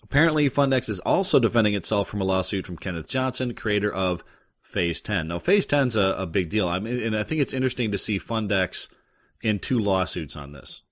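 A man's voice: lowish voice, expressive, fairly quick, fairly bright tone, no echo. A man hosting a podcast, chatting casually through the news with lots of restarts and fillers. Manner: rambling, many restarts and fillers. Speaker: podcast host.

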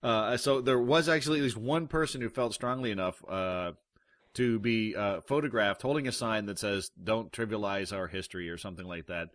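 A man's voice: on the low side, normal speed, fairly bright tone, no room sound, studio quality. A man hosting a podcast, chatting casually through the news with lots of restarts and fillers. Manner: rambling, many restarts and fillers. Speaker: podcast host.

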